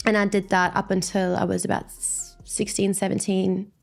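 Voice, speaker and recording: A woman in her twenties with an Australian accent chats as a guest dancer in a casual interview, upbeat and reflective. Her mid-range voice is creaky with a level tone at a moderate pace, and faint music plays behind her.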